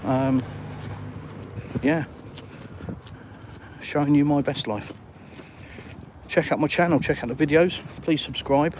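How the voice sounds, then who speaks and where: A middle-aged English vlogger walks city streets at night, chatting casually into his phone during a live walk-and-talk stream, reading viewer comments aloud and replying. His voice is slightly high and slow, with frequent pauses. A faint hum of traffic runs underneath.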